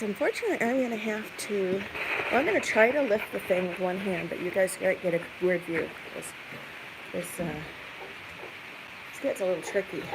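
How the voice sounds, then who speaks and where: A woman hosting a casual livestream, rambling and thinking aloud to viewers and animals as she does farm chores. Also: mid-range voice. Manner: coos and chats to animals in questions. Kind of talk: casual chatty livestream walk-about, talking to viewers and animals. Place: farmyard, barn and chicken coop. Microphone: handheld phone or camera. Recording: noisy handheld farm recording with poultry sounds. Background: clucking chickens, rooster, farm ambience.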